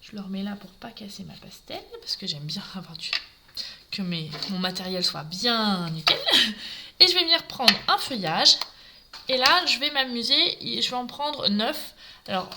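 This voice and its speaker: A woman's voice: medium pitch, expressive, moderate pace, noisy background. A woman giving a live craft demonstration, talking through each step and greeting viewers as she works.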